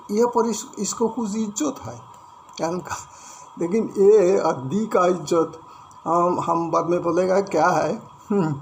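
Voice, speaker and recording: An Indian-accented male teacher walks through a grammar lesson in a higher-pitched, gravelly voice. He moves along unhurriedly, repeating himself and switching between English terms and Hindi. Faint noise sits under the recording. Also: a little mellow. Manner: explains slowly, repeating words, mixing English terms into Hindi.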